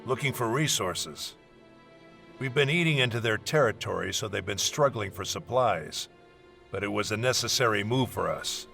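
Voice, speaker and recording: Curt, scornful, forceful warrior commander. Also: male voice, on the low side, lively intonation, moderate pace, vocal fry, faint music behind, heavily acted. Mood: brusque, businesslike. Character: hostile, bossy male warrior leading a dangerous scouting mission. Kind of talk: video game dialogue acting.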